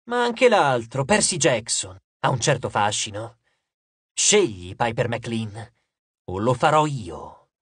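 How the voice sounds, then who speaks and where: A menacing earth goddess speaks in a low, hushed, hissing murmur, voiced by a man reading an audiobook. She drags her words out slowly and mockingly, her tone husky and close. The sound is dry, like a studio booth. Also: sing-song, no echo, heavily acted. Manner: slow and taunting. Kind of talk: audiobook character voice.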